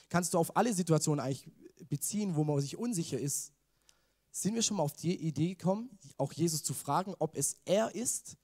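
A man's voice: sits high, darkish tone. A man gives a casual, chatty sermon in a slightly raised voice. He keeps turning to his listeners with questions and drops English slang into his talk. His delivery is loose and conversational. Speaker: preacher. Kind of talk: informal youth sermon.

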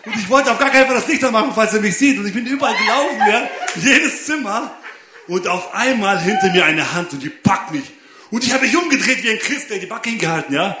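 A man's voice: high-pitched, lively intonation, quick pace, pushed and bright, a little hiss or hum. A young man preaching, telling a funny personal story and laughing often. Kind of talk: lively sermon with personal anecdote. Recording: echoey room.

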